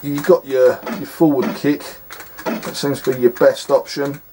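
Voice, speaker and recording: A man's voice: mid-range voice, steady tone, measured pace, background noise. Exasperated man reviewing a game. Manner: exasperated, scornful, rambling with fillers. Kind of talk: casual gameplay commentary.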